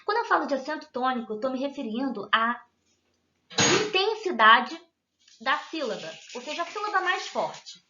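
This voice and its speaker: A woman's voice: high voice, sing-song, moderate pace, noisy background. A woman with a Brazilian Portuguese accent teaching a grammar lesson, patient and often checking that listeners follow. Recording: echoey room, dull lo-fi sound.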